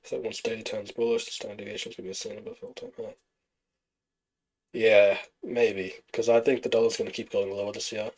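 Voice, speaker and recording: A man with a deep voice talks a little fast on a roughly recorded live stream of his trading, working through chart setups and replying to chat. His manner is easygoing and explanatory, and he thinks out loud as he goes.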